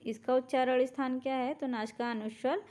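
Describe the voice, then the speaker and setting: A woman teacher giving a lecture, asking questions and answering them herself, spelling out syllables slowly one by one. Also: high-pitched, fairly even intonation, a little mellow. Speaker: Ayurveda teacher. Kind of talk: classroom lecture, Sanskrit grammar.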